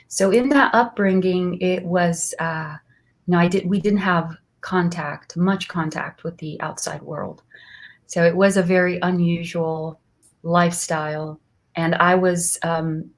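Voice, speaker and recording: A woman, an astrologer guest telling her story in an earnest, soft-spoken way. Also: lowish voice. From Brazil. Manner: soft-spoken, earnest, laughs often, frequent restarts. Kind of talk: warm personal interview storytelling.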